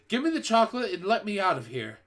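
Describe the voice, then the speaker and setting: A greedy, rude young boy, as a man puts him on in a storybook reading. He talks much higher than the reader's own voice and loudly demands what he wants. His lines jump about in pitch. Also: huge pitch swings, normal speed, full character voice. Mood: angry. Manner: loud, demanding, bratty.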